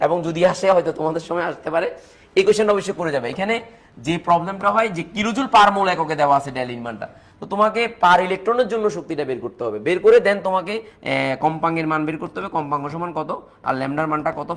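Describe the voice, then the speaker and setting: A man's voice: on the high side, animated, racing. A man with a Bangladeshi Bengali accent teaching chemistry in a live online class. He works through calculations step by step, repeats key points, and answers viewers' comments.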